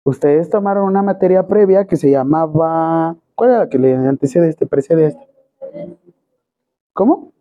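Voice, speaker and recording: A teacher with a Mexican accent lectures a class and keeps throwing questions at the students. The pitch sits in a middle range. The recording is thin and tinny, like a phone line. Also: mellow. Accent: Mexican Spanish. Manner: quizzes students with constant rhetorical questions.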